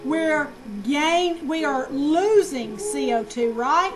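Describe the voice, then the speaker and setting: A woman teaching nursing students in a lively, slangy lecture, asking questions and answering them herself. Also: high voice, takes it slowly, over music, low-quality recording. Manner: animated, slangy, asks and answers own questions.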